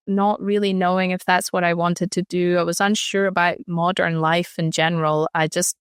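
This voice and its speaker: A woman's voice: fairly low pitch, clean tone, no echo, clean studio sound. A woman in her thirties from Ecuador, speaking reflectively as an interview guest, often restarting her sentences. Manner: reflective, frequent restarts and fillers. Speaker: guest, artist. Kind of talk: conversational interview.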